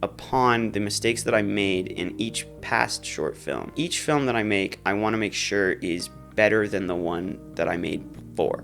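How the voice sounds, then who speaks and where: A man's voice: lowish voice, unhurried, gravelly, hardly any pauses, fairly bright tone, soft background music. An eighteen-year-old man talking earnestly and with determination to camera in a casual vlog about his filmmaking goals. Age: teens. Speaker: aspiring filmmaker.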